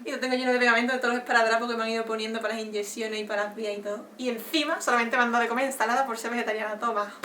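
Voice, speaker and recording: A young Spanish woman with a Castilian accent talks at high speed in a bright, forceful voice. She tells her story in an animated, expressive way and laughs as she goes. The sound is echoey, and faint background noise is heard in the room. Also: rapid-fire, few pauses. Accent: Spain Spanish. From Spain. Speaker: vlogger. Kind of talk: casual storytelling vlog.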